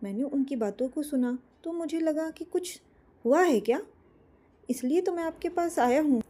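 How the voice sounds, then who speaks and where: A woman voicing a gentle, worried little boy who talks in a sweet, pleading, childlike way. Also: high voice, animated, moderate pace, pitched above the performer's own voice.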